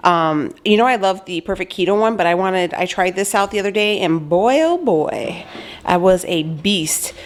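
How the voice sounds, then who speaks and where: A woman's voice: lowish voice, moderate pace, few pauses. A young woman vlogger chatting loosely as she cooks in her home kitchen, filling her talk with "like" and "um", recorded by a camera on a tripod. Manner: chatty, loose, lots of fillers. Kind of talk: casual chat while cooking.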